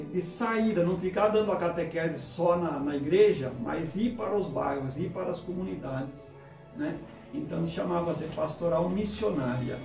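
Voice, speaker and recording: A man recounts a community's beginnings in a documentary interview, his voice gravelly and a little raised in pitch. He sits away from the microphone in a roomy space, with music playing underneath. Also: dark tone. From moved to São Paulo in 1987. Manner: explanatory, chuckles while telling. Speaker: interviewee recalling community history. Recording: roomy, distant mic with music bed.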